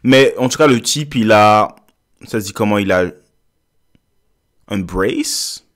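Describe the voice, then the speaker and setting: A man commenting casually on a show clip he is watching, animated and dropping English phrases into his French. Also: lowish voice, slow. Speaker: YouTuber reacting to a show.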